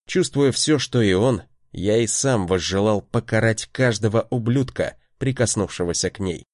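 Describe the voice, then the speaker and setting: A man narrating a first-person audiobook in a measured, dramatic way. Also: lowish voice, a little mellow, dry recording, studio quality.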